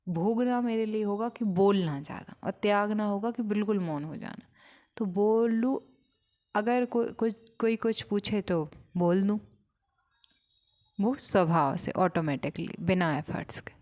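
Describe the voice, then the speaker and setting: A woman giving a reflective spiritual talk, speaking in short, unhurried phrases with pauses and sometimes telling a story with gentle amusement. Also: medium pitch.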